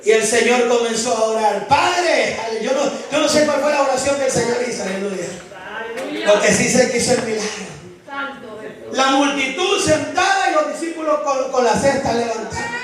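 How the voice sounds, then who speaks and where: A man preaching a sermon as pastor, fervent, often shouting and joking with the congregation. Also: very high voice, normal speed, distant mic, a crowd in the background. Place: large church hall. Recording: very echoey hall with congregation, voice from afar.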